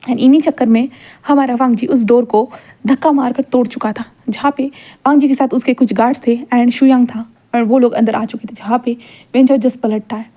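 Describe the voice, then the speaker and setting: Fast-talking woman retelling a story. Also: on the high side, fairly even intonation, warm tone. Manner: rambling, repeats linking phrases. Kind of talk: retelling a fan fiction story.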